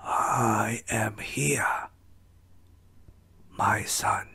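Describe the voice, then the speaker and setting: A man putting on Splinter, a gravelly old rat master, whispered role-play. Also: lowish voice, steady tone, bright, forceful tone, no echo, heavily acted. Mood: calm, stern. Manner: slow, measured, fatherly teaching. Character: wise old male rat ninja master, calm and stern.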